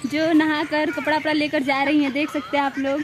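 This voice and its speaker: A young woman with a high voice talks to her viewers while filming on a phone outdoors in a village. She chats and coaxes shy children to say hello. Wind, birds and animals come through clearly behind her. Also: little pitch movement, a little fast. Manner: chatty, coaxing shy children to talk. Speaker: vlogger. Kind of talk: casual vlog narration. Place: outdoors in a village among trees. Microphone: phone held by the vlogger.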